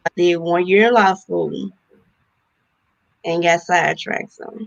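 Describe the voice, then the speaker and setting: A woman from Louisiana, a guest in a casual interview, giving relaxed, short answers. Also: on the low side, takes it slowly, vocal fry, muffled recording. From Louisiana, USA. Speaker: guest, real estate investor.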